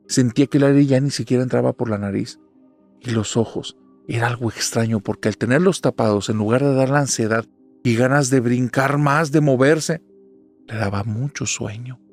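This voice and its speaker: A man with a gravelly, creaky voice at a middling pitch tells a horror story. His telling is suspenseful and dramatic, with faint music playing underneath. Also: a little mellow. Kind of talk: spoken horror story narration.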